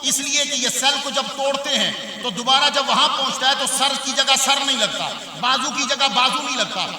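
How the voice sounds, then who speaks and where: High, bright-voiced preacher in an echoing hall. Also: male voice. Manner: emphatic, asks the audience questions and answers them; rises to loud, forceful bursts. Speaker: religious scholar giving a speech. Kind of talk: Urdu religious sermon to a live audience. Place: large hall at a community event. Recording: echoey hall, voice from far off.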